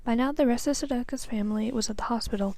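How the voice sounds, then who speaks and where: Soft-voiced young woman reading a storybook. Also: on the high side, quick pace. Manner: careful, soft reading with small slips. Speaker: student reader. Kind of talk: reading a children's novel aloud.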